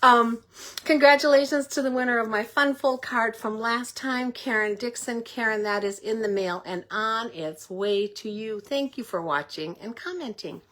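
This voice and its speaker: A woman's voice: a little high, normal speed, hardly any pauses, a bit bright. Breathless older woman chatting. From Middle Tennessee, United States. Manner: chatty, greets viewers by name. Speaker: paper crafting livestream host. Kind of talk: casual livestream chat.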